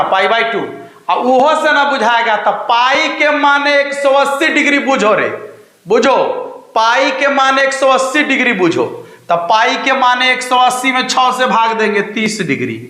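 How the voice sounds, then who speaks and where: A man with a Bihari Hindi accent teaching a math lesson online, coaxing students with drawn-out questions and emphatic promises. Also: very high-pitched, sharp tone, reverberant, low-quality recording.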